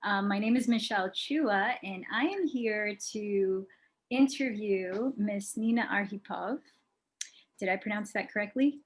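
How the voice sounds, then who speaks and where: A woman's voice: mid-range voice, measured pace. A woman hosts a casual online interview, introducing her guest and asking conversational questions. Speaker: interviewer, yoga community host.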